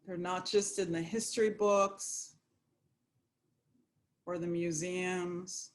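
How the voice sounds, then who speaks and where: A woman guiding a yoga nidra meditation, speaking in a slow, soothing, prayerful way. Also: fairly low pitch, steady tone. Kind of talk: guided meditation.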